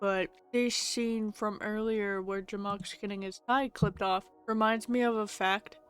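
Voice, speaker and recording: A woman narrating a video essay as excited reaction commentary, gushing and exclaiming, with bursts of loud excitement. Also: medium pitch, unhurried, clear, resonant tone, soft background music.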